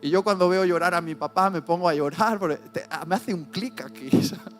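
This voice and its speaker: A man with a slightly higher voice delivers a heartfelt sermon, pausing and repeating key lines for emphasis. Gentle music plays softly underneath. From Spain. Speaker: preacher. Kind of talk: emotional sermon with personal story.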